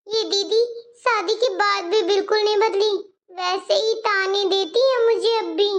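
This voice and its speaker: A woman's voice: very high voice, a little slow. A woman voicing a patient, polite young daughter-in-law in a cartoon story. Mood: calm. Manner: calm, polite, quietly firm.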